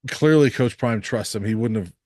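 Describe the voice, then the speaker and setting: A man hosting a casual sports podcast, talking in a relaxed, measured way with many ums and uhs. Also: on the low side, dry recording, clean studio sound. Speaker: sports reporter and podcast host.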